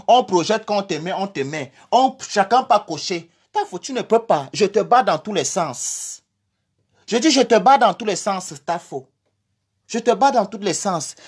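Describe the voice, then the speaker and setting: A man's voice: high voice, breathy edge. A man with a Cameroonian French accent ranting on a livestream in a mocking, insulting way, repeating his jabs and delivering them in a honeyed tone. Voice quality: honeyed, sweet-toned insults. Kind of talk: livestream rant.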